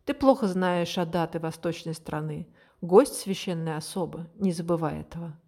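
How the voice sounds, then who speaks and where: A defiant young highland outlaw, read by a woman, speaks with quiet firmness. Each word comes slow and sure in a low, level voice. He sounds unafraid in this storybook telling. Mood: firm. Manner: slow, firm and calm. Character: young male mountain outlaw, bold and defiant.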